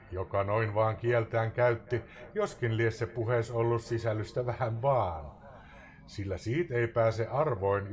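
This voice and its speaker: Theatrical man reciting poetry. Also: medium pitch. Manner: theatrical, swinging between loud outbursts and hushed whispers. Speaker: live streamer reading a poem.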